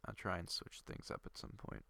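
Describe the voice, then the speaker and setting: Brisk, pushed, and bright with no echo, a young man's stuffy, cold-affected voice rambles through casual gameplay commentary for his gaming channel, full of fillers as he thinks aloud.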